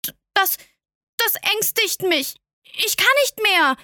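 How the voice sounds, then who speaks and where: A woman's voice: very high-pitched, moderate pace, sharp tone, dry recording, studio quality, pitched above the performer's own voice, exaggerated voice. A woman voicing a timid, earnest little boy prince who stammers when flustered.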